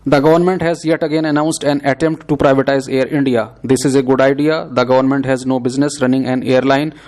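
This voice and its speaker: A man reads scripted text as dictation for a shorthand exercise. His delivery is measured and steady, keeping to a flat, even line. The voice sits at an average male pitch. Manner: dictating, measured and steady, read aloud word by word.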